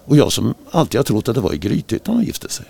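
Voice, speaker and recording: A man co-hosting a casual radio chat show, speaking in a husky, gravelly voice and telling music trivia as a relaxed storyteller. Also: mid-range voice, no echo. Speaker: radio co-host.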